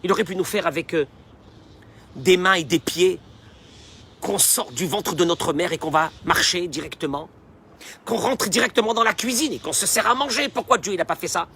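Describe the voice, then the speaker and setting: A man giving a sermon as a rabbi, animated and emphatic and speaking straight to his listeners. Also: high-pitched, normal speed, slight background noise.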